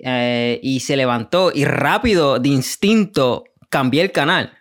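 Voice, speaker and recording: A man's voice: mid-range voice, expressive, unhurried, fairly bright tone. Hesitant Puerto Rican man telling his story. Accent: Puerto Rican Spanish. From Puerto Rico. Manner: hesitant, many fillers and tags. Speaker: guest, recovery coach. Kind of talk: casual interview storytelling.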